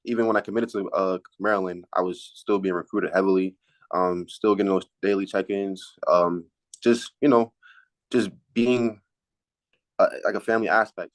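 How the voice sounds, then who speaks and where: Male, late teens, student athlete. Lowish voice, casual interview answers, halting delivery with repeated words. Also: steady tone, poor audio. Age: late teens, high school senior.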